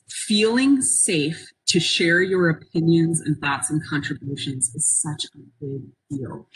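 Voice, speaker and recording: A woman with a low, husky voice leads an interactive webinar. She speaks in an encouraging, reflective way and often invites her listeners to join in. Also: rough recording. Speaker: workshop presenter. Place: online conference call.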